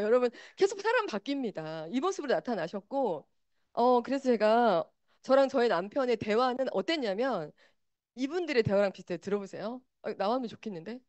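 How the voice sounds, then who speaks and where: Woman, motivational stage talk, lively swooping pitch, dry close sound, addresses the audience directly. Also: no room sound. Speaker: speaker.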